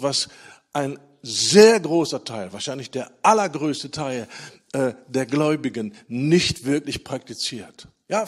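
A man preaching a sermon with emphatic, measured delivery, stressing single words slowly and then hurrying through asides. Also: fairly high pitch, slightly rough. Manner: emphatic, swings between slow stressed words and quick asides.

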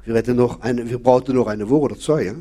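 Talking fast in a warm, steady, medium-pitched voice, a man preaches a sermon. He hammers home key phrases with emphatic repetition and questions his audience.

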